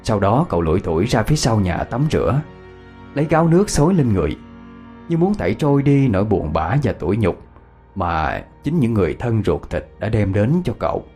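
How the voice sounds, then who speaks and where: A man narrating a ghost story, expressive and dramatic. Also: fairly low pitch, fairly quick. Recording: faint background music.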